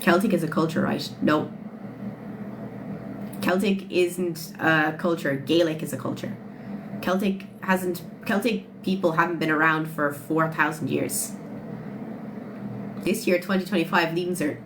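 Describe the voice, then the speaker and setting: A late-twenties Irish woman chats on a phone livestream with audible background noise, bluntly answering viewers' questions and swearing freely. Her voice is low with fairly even intonation, and she talks at a measured pace with long pauses.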